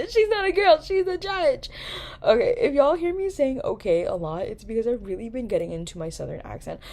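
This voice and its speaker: A young New York woman hosts a casual vlog, chatting animatedly to camera while swearing and joking. The vlogger and podcast host has a fairly high, gravelly voice at normal speed.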